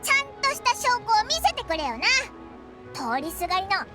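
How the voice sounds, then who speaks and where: A woman voicing a small childlike companion creature in an anime game, brash and suspicious, with squeaky voice and blunt boyish speech. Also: very animated, brisk. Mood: skeptical, curious. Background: loud music.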